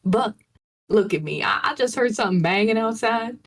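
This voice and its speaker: A woman voicing a calm, folksy Southern woman survivor in a put-on Southern accent, talking guards down. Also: on the high side, moderate pace. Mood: coaxing. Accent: fake Southern US.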